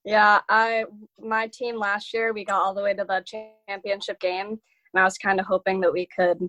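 A woman's voice: mid-range voice, flat delivery, normal speed, bright, forceful tone, muffled recording. An eighteen-year-old young woman answering casually and a bit hesitantly. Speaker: high school senior.

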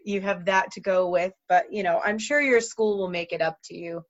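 A woman's voice: mid-range voice, normal speed, muffled recording. A woman interviewing teenagers in a chatty, rambling way with lots of fillers. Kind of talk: casual interview.

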